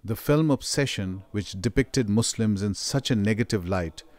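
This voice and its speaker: Low-voiced male documentary narrator. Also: darkish tone. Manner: slow, measured. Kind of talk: scripted narration.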